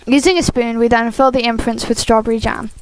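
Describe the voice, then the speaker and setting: A woman hosting a game playthrough, reading a visual novel aloud expressively with casual asides, animated and giggly. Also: on the high side, a little fast, a little hiss or hum, poor audio. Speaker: host of a game playthrough series.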